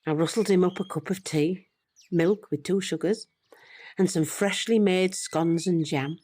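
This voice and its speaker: The speaker is an older actress in an audio drama, portraying a regretful but loving British grandmother who shares her story with reflective, measured care. Her voice is on the low side with a darkish tone, and she sounds tense, caught in memory.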